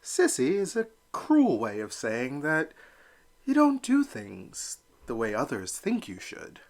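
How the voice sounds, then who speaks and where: A man voicing a gentle, loving mother duck in a storybook, soft and soothing. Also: mid-range voice, huge pitch swings, slow pace, full character voice. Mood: tender.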